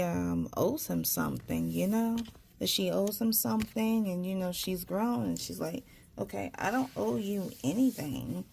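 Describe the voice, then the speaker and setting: A woman doing a casual tarot reading, halting and repeating herself as she searches for words, her articulation slightly impeded by a tongue piercing. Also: fairly low pitch, creaky, darkish tone. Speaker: tarot reader.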